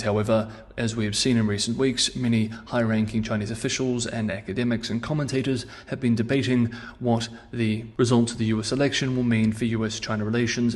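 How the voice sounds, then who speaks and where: A man's voice: medium pitch, darkish tone. Male news host on a meeting room mic. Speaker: host of a news analysis show. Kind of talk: scripted news commentary.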